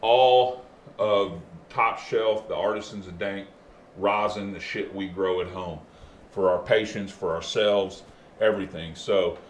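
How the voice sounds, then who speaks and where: A man's voice: low voice, a little slow. A man chatting casually as a show host, with a laid-back stoner way of talking full of slang and swearing. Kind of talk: casual chat. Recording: roomy echo, faint background noise.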